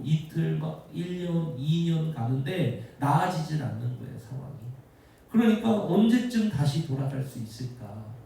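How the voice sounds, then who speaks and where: A man's voice: a little high, creaky, warm tone. A man preaching a sermon as pastor. He talks in an emphatic way, often turns to the congregation, and builds up into fervent prayer. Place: church sanctuary. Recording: echoey church hall, from a distance.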